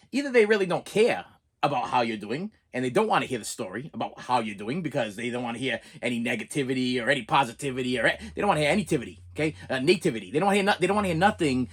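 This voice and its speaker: A middle-aged man with a Boston accent, delivering a casual rant in a halting, emphatic way, repeating words and checking in with the listener. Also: medium pitch, fairly bright tone, breathy edge. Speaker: vlogger. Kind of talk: casual spoken rant to camera.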